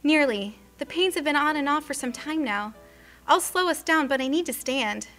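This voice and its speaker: A woman's voice: high voice, animated, normal speed, a bit bright. Woman voicing Mary, a strained young mother-to-be. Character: young pregnant woman, faithful, in labor. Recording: faint music underneath.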